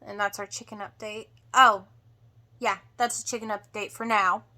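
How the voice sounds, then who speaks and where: A woman giving a casual homestead update to viewers in a halting way, sounding drained and emotional after surgery. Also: mid-range voice, steady tone, pushed and bright. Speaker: homestead vlogger.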